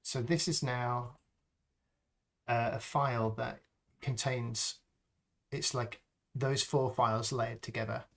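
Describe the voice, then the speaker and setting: A man hosting a live stream, calmly talking through a sound-design process step by step and thinking aloud as he works. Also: medium pitch, vocal fry. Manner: slow, thinking aloud as he works, with frequent ums. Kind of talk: unscripted tutorial walkthrough.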